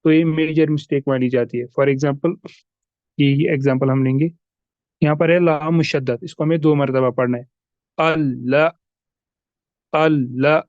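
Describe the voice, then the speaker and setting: A man explains tajweed rules in a recorded lesson, his slightly high voice clean and steady at a moderate pace. He patiently goes over examples again and again, raising questions and answering them himself, in a dry, lo-fi recording.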